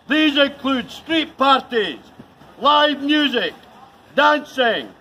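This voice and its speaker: Older man, town crier, very high bellow, slow ceremonial delivery, outdoors. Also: sharp tone, low-quality recording. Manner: bellowing, declamatory, formal, in short measured phrases. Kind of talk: loud ceremonial proclamation. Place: outdoors in a paved shopping precinct. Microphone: camera a few metres away.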